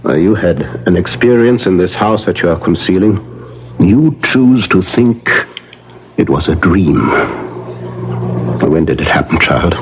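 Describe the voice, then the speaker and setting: Old professor vampire hunter, low voice, swooping emphatic delivery, grave authority, 1970s radio drama. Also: male voice, expressive, measured pace, long pauses. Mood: grave, insistent. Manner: commanding, emphatic, insistent. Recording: muffled, noisy 1970s radio broadcast.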